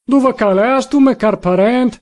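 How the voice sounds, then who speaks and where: A man reading an audiobook, voicing a stubborn, drunk middle-aged man with a Turinese accent who shouts slowly. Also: extremely high pitch, pitched above the performer's own voice. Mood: insistent. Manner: shouting, slow and slurred.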